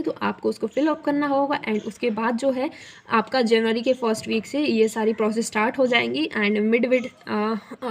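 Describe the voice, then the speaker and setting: Young woman explaining college procedures. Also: on the high side. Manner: conversational, many fillers, mixes English words into Hindi. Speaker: student guidance youtuber. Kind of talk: explainer video.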